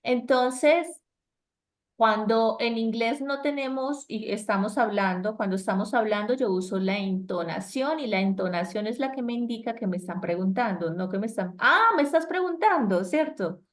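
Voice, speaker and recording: A woman teaches an online English lesson. She explains grammar patiently in a mid-pitched voice and keeps asking her students "right?" to check they follow. She is heard through a video call. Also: moderate pace, darkish tone.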